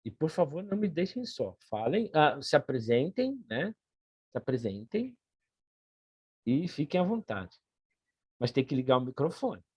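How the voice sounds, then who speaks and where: A man from Brazil presenting a plan at an online meeting, earnest and halting, often repeating words as he goes. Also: a little high, big pitch swings, darkish tone, breathy edge, no echo. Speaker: meeting organizer.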